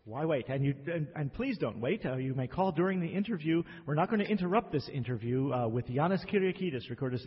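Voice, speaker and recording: A man's voice: on the high side, animated, fast, hardly any pauses. A man hosting a radio show, chatty and laughing often while he interviews a guest. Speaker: radio host. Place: guest's home in Amsterdam. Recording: echoey, dull lo-fi, faint hiss.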